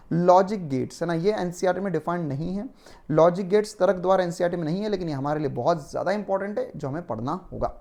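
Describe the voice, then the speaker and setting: A man's voice: sits high, a little mellow. A male physics teacher giving an online exam-prep lecture in a conversational, explanatory way, often checking in with tag questions.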